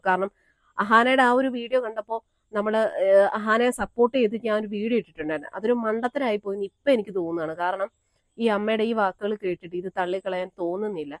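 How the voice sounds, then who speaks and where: A woman's voice: medium pitch, no room sound. A woman vlogger giving indignant reaction commentary, talking straight to her viewers. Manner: indignant, addresses viewers directly.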